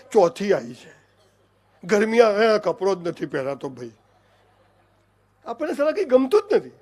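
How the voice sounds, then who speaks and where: A middle-aged man with a Gujarati accent giving an emphatic motivational speech to an audience, often calling listeners "saheb" and "boss". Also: high-pitched. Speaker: motivational speaker.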